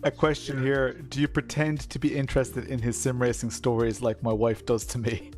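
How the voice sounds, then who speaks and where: A man's voice: mid-range voice, level tone, normal speed, darkish tone, soft background music. A man with a west of Ireland Kerry accent hosts a live stream, chatting casually and reading out comments from viewers. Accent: Irish, County Kerry in the west of Ireland.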